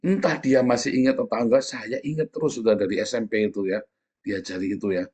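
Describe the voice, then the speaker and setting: A man's voice: on the low side, fairly even intonation, a little fast, a little mellow, husky. A middle-aged man preaching a sermon in a conversational way, often asking the congregation for agreement and acting out quoted speakers in a raised voice. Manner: conversational, often asks the audience "ya kan?". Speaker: pastor.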